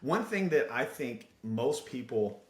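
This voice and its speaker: A man talking as a podcast guest, telling stories and giving motivational advice with energy. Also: medium pitch. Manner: energetic storyteller, motivational, fast asides. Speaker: podcast guest, digital marketing agency owner. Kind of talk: casual interview chat. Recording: roomy echo.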